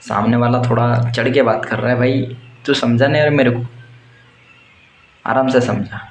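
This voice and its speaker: At normal speed, the same kind of fired-up, blunt motivational talk comes from a young man with a mid-range voice and fairly even intonation. He works in a warehouse and is offering life advice, recorded with roomy echo and faint background noise.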